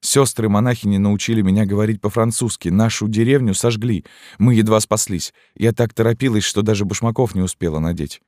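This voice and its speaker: A man's voice: on the low side, animated, measured pace, mellow, no echo, clean studio sound, voice pushed up. A man reading an audiobook voices a frightened young peasant mother who stammers and falters. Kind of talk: audiobook narration.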